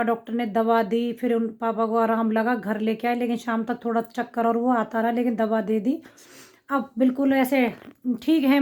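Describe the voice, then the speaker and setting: A middle-aged woman with a slight cough chats casually to the camera, giving her viewers a rambling account of her family's day. Her voice is on the high side with a darkish tone.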